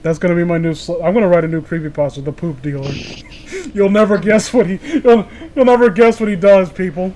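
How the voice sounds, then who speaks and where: A man with a high-sitting, warm voice talks fairly quickly as co-host of a casual comedy podcast about internet horror stories. He swears, jokes and exclaims, mixing chat with mocking read-alouds.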